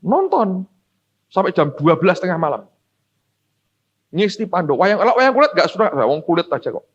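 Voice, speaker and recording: A middle-aged pastor from Semarang, preaching a folksy, story-driven sermon that speaks straight to the congregation. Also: male voice, high-pitched. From Semarang, Central Java. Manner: animated, folksy, addresses the congregation directly. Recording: dull lo-fi recording.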